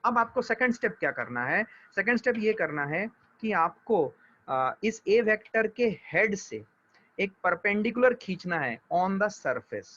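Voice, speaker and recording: Patient high-voiced male physics teacher. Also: very animated, sharp tone. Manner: mixes Hindi and English, checks understanding often; patient, reassuring, slow step-by-step. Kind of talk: live online class. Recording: dull lo-fi audio.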